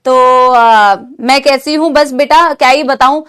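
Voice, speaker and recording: A young woman teaching a live online class with a sore throat from a cold, talking gently and affectionately to her students while mixing Hindi and English. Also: high voice, unhurried, clear, resonant tone. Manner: motherly, calls students "beta", mixes Hindi and English. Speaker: online NEET biology teacher.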